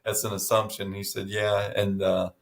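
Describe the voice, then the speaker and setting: A man's voice: on the low side, little pitch movement, normal speed. A middle-aged man in casual chat as podcast co-host, telling stories with many restarts and fillers.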